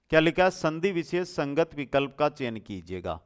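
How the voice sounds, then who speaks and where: A man's voice: on the high side, clean tone. A man with a Rajasthani Hindi accent teaching an exam coaching lesson from India, quizzing students and answering his own questions.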